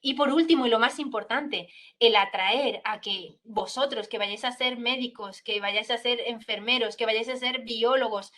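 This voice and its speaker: A woman's voice: fairly high pitch, moderate pace, few pauses, a bit bright. A woman doctor explaining a topic to students step by step, checking in often with her listeners. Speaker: pediatric neurologist giving a talk to students. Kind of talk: explanatory school talk.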